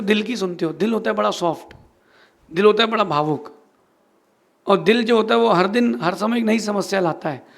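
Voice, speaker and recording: Man, preacher, earnest sermon, rhetorical questions, high-pitched, raspy fry. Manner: earnest, exhorting, asks and answers his own questions. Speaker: Jain monk preacher. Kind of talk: sermon with a moral story.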